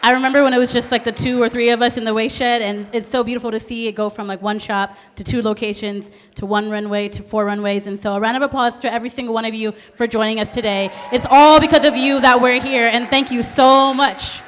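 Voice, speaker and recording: A woman's voice: fairly high pitch, fairly even intonation, quick pace, hardly any pauses, a bit bright. A woman speaking as a fashion show emcee, announcing live to an audience. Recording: echoey hall sound.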